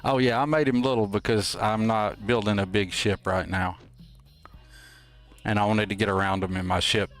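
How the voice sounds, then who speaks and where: A man's voice: on the low side, fairly even intonation, normal speed, fairly bright tone, faint music behind. A man hosting a game stream with casual, folksy, playful and rambling commentary. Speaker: host of a gameplay livestream.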